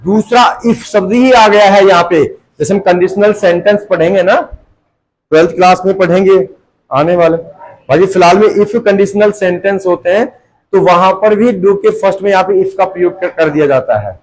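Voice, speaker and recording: High-voiced man teaching a class. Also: normal speed, poor audio. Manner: repeats points and checks understanding with constant rhetorical questions. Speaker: tuition teacher. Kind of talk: classroom lecture. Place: classroom with students.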